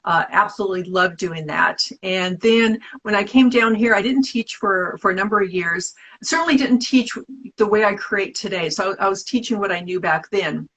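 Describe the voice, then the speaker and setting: A middle-aged woman from the Bay Area answers interview questions in a chatty, rambling way. Her voice sits at an ordinary middle pitch. She circles back on her words, with plenty of restarts and fillers. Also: normal speed, a bit bright, rough recording. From San Francisco Bay Area. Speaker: artist being interviewed. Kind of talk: casual interview over a live video stream.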